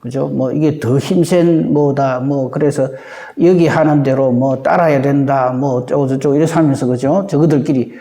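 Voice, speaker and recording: A man's voice: mid-range voice, fairly even intonation, moderate pace, dark tone. A male pastor preaching a dawn sermon conversationally, often checking for agreement from the congregation. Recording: reverberant church hall.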